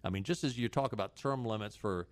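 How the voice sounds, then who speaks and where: Talk radio host, dry studio sound. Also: male voice, on the low side, fast talker, no room sound. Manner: lively, conversational, reads ads and weather. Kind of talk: talk radio banter and news reading.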